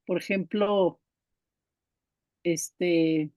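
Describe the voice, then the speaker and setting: A woman's voice: lowish voice, steady tone, extremely slow, a little mellow, no echo. A woman teaching an online course, explaining step by step, restarting words and checking in with her listeners. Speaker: course instructor. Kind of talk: online lecture on pronunciation teaching.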